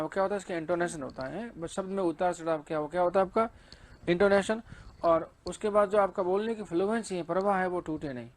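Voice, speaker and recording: A male teacher giving an exam-prep lecture, asking and answering his own questions and reading English lines in a Hindi accent. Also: high-pitched.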